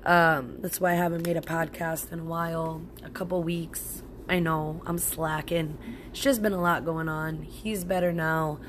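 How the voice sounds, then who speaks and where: Female podcast host, low register, stuffy nose from a cold, informal and blunt with joking slang, slight background noise. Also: normal speed. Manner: animated, blunt, slangy, jokey. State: sick with a chest cold. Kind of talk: casual solo podcast chat.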